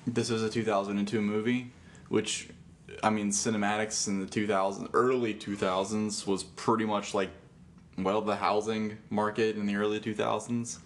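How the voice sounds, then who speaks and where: A man's voice: lowish voice, little pitch movement, moderate pace. A man co-hosting a podcast, trading dry, wry, mock-formal quips in casual chat. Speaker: podcast co-host.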